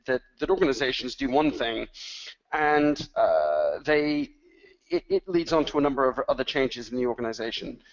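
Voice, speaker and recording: A man at a middling pitch speaks as an industry analyst on a webinar. He rambles, filling gaps with um and uh and restarting his sentences. The audio is slightly dull and lo-fi. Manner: rambling, many fillers and restarts. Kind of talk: webinar talk.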